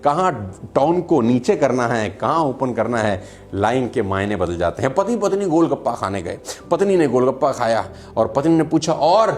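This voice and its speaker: A man giving a motivational talk to camera, animated and storytelling, with acted quotes and jokes. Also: medium pitch, moderate pace. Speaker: motivational speaker and video creator.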